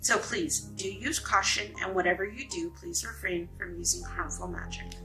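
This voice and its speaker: A woman reading aloud voices a wise female fairy godmother who instructs her students formally and in measured tones. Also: on the low side, steady tone, pushed and bright, faint music behind, low-quality recording. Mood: instructive.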